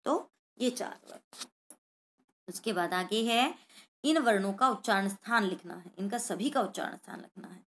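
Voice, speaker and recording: A woman's voice: medium pitch, animated, moderate pace, a little hiss or hum. A woman Sanskrit teacher going through a worksheet lesson, sounding out each letter and speaking directly to the children watching.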